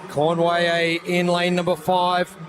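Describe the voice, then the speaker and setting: A man's voice: high-pitched, completely flat delivery, slow, crowd noise. A man commentating live as lead host at a sports competition.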